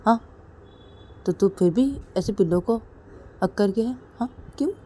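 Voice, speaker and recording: A woman voicing a teasing older sister who protests loudly and pleads with her younger sibling. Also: mid-range voice, unhurried, slight background noise, close to an everyday voice.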